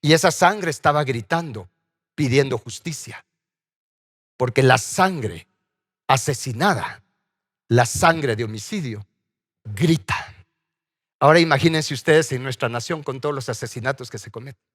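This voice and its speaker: A man's voice: medium pitch, measured pace, long pauses, a bit bright. A man preaching a sermon as pastor, asking his congregation questions as he goes. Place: church sanctuary. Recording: church hall reverb.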